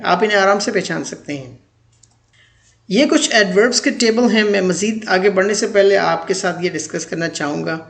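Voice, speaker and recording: A male teacher giving a grammar lecture, reading words out slowly one by one for pronunciation drills. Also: sits high, gravelly. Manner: slow, deliberate word-by-word pronunciation drills.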